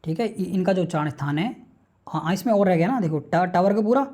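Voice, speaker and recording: A man's voice: high-pitched, animated, a little fast, darkish tone. A man teaching a class, reciting speech sounds one by one and asking questions that he answers himself, in an informal, direct way. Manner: informal, addresses students directly. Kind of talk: classroom lecture on phonetics.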